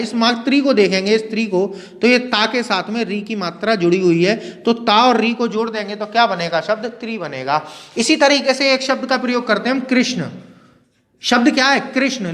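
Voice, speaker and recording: A man teaching Hindi grammar in a video lecture, asking questions and answering them himself and slowly repeating key words. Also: sits high, fairly bright tone. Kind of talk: classroom-style video lecture. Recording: long reverb.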